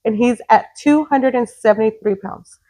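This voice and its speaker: A woman's voice: fairly high pitch, moderate pace, mellow. A woman in her late thirties co-hosting a casual chat podcast, blunt and profane, slipping Spanish words into her English. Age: 30s. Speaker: podcast co-host.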